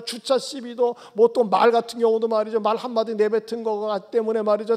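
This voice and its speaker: A pastor preaches a sermon in a church sanctuary, tossing rhetorical questions at the congregation and swinging between loud calls and soft, low asides. His voice is creaky, and the church hall adds a long reverb.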